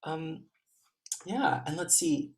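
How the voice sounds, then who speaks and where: A man's voice: a little high, animated, slow. Encouraging male juror on a video call. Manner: encouraging, gentle, frequent ums. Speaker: competition juror. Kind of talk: spoken feedback to young players.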